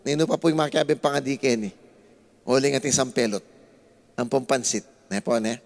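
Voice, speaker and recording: A man with a Filipino accent preaching a sermon as pastor, swinging between hushed asides and raised, animated exclamations. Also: mid-range voice, brisk. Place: church hall. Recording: long church-hall reverb.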